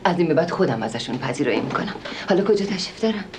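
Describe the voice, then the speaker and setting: A woman's voice: lowish voice, expressive, lightly acted. An actress playing a pushy, doting middle-aged woman who insists on meeting a king, in a stage comedy with an insistent, fawning manner. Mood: pleading. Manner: insistent, fawning, sharp-tongued when crossed.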